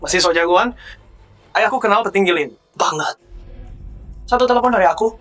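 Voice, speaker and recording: A man's voice: sits high, a little fast, a bit bright, faint music behind. A man dubbing a sneering, boastful rich young heir who runs a company, in a drama. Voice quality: sneering, mocking. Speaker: company CEO. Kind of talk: dubbed drama dialogue.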